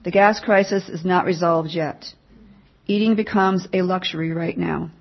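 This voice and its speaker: A woman reads a written mission update aloud to her church congregation in a plain, measured way. Her voice is fairly low with fairly even intonation, and the highs are cut off.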